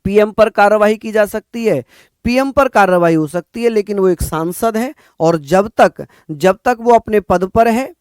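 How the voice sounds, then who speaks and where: A man from northern India teaching an exam-prep lecture, repeating points slowly for students to write down. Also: high voice, clean tone, dry recording, clean studio sound. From Uttar Pradesh, India. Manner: addresses students as bhaiya, repeats points for dictation.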